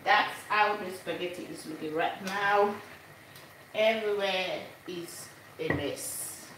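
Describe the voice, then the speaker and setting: A woman chats her way through a live cook-along in her home kitchen. She talks slowly and laughs often, with a few Italian phrases mixed in. The room is echoey, with a faint hum behind her. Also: medium pitch. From Sierra Leone. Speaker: cooking vlogger. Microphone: camera above the stove.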